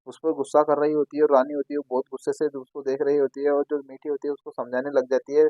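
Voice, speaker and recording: A man's voice: a little high, little pitch movement, fast talker, mellow, no room sound. A man casually retelling a TV serial episode in a rambling way, full of fillers and restarts. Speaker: TV serial recap narrator. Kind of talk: casual episode recap narration. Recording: tinny phone-like dry sound.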